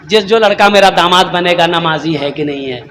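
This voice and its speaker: High, bright-voiced preacher man. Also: normal speed, a little hiss or hum. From Kolkata, India. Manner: rhetorical questions, emphatic repetition, sometimes shouts. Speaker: Islamic preacher. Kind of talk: fiery religious sermon at a gathering.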